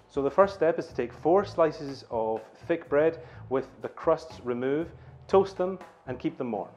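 A man hosting a comedic home cooking vlog in a kitchen, with wry, deadpan humor. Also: fairly high pitch, muffled recording. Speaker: cooking show host.

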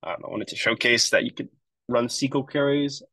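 A man's voice: medium pitch, brisk, bright, forceful tone, no echo, poor audio. A man on a marketing web team giving a casual, explanatory screen-share walkthrough of a project he set up, with frequent fillers. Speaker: web developer.

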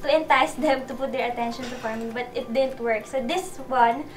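High-voiced Filipino woman, early twenties. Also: fairly even intonation, fairly quick, soft background music. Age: 20s. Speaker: communication specialist.

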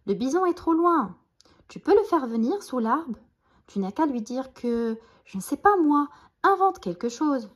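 A woman voicing a small, eager boy hamster who dreams of being a cowboy, speaking high and excited in a storybook. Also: moderate pace, husky.

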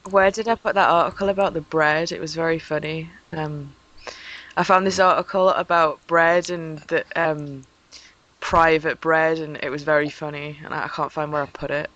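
A woman's voice: deep voice, fairly even intonation, normal speed, fairly bright tone, highs cut off. A woman in a casual online group call, rambling through funny stories and giggling.

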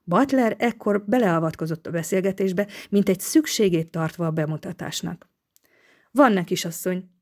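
Woman reading a novel aloud, lowish steady voice. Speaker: narrator. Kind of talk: audiobook narration.

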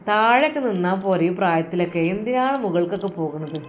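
A woman voicing a matter-of-fact doctor explaining calmly, in a Malappuram Malayalam accent. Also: medium pitch, fast, slight background noise, lightly acted.

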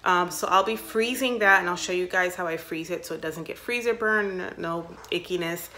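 Speaking at a moderate pace in a lowish, pushed and bright voice, this thirty-something woman runs a home cooking vlog. She chats informally and walks viewers through instructions in a casual cook-along, indoors in her kitchen and living room.

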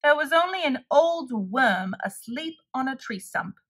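A woman voicing a cheerful young male frog who tells a childhood story in an animated, emphatic way for small children. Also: high-pitched, measured pace, breathy edge, heavily acted. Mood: bright storytelling.

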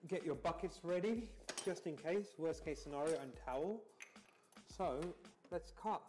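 A man's voice: fairly high pitch, lively intonation, unhurried, a little mellow, faint music behind. A man in his thirties, a heating engineer, casually explaining his work to camera as he installs parts indoors in a home. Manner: casual, talks to camera while working. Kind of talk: work vlog tutorial. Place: indoors in a home utility room.

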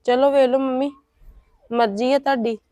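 A woman's voice: sits high, fairly even intonation, normal speed, mellow, no room sound. A woman playing an elder daughter who answers her mother politely and deflects questions about marriage in a homemade family drama.

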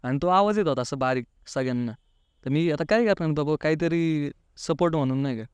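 Brisk and smooth, his voice sits on the high side, with no echo. This interview guest from Pune, India, casually tells a personal story, mimicking what people said and continually slipping in the filler "नाही का".

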